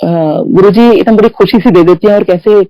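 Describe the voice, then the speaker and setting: On a dry, dull-sounding recording, a middle-aged woman speaks at a moderate pace with a medium-pitched voice. As a devotee giving satsang testimony, she recounts personal devotional stories conversationally, acting out dialogue and sprinkling in English phrases and "you know."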